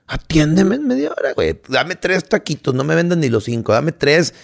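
A man's voice: fairly high pitch, very animated, normal speed, vocal fry. A man with a Mexican Spanish accent, co-hosting a casual podcast and ranting heatedly, with plenty of swearing. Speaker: podcast co-host. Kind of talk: casual chat.

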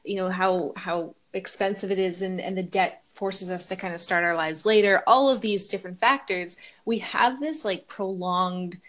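A woman's voice: lowish voice, fairly even intonation, moderate pace, hardly any pauses. A woman in her thirties hosting a podcast, explaining her views earnestly in casual chat. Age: 30s. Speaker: podcast host.

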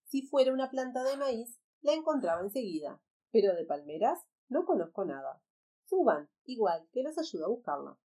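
A woman's voice: on the high side, very animated, normal speed, mellow, far from the mic. A woman voicing a curious, helpful mother hen who talks in a chatty, obliging way in a read-aloud storybook.

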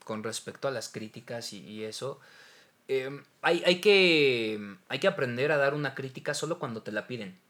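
A man, a voice actor, talking in a measured, reflective way with frequent fillers in a casual chat. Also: mid-range voice, fairly bright tone.

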